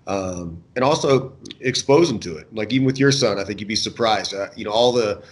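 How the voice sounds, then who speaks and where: This interview guest, a U.S. fishing guide in his thirties or forties, speaks animatedly and a little fast in a low, slightly rough voice. The conversation is casual and reflective, taking place over a video call from an indoor room.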